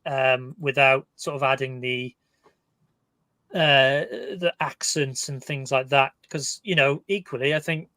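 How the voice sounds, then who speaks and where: A man co-hosting a review podcast, talking in a halting way with many restarts. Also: medium pitch, fairly even intonation, pushed and bright, dry recording. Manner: hesitant, restarts words, halting. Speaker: podcast co-host. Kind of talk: casual review discussion.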